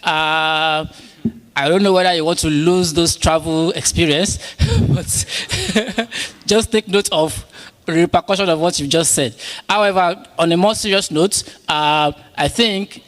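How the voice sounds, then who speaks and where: A man chairs a session in a big conference hall, and his slightly high voice rings with a long reverb. He talks hesitantly, padding his sentences with filler sounds. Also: steady tone, moderate pace, fairly bright tone. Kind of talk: moderating a public policy meeting.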